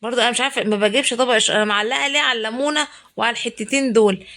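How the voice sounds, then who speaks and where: A woman's voice: on the high side, very fast, pushed and bright. A woman with an Egyptian accent narrating a casual home cooking vlog, chatty and exclamatory, talking straight to her viewers. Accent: Egyptian Arabic. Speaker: cooking vlogger. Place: home kitchen.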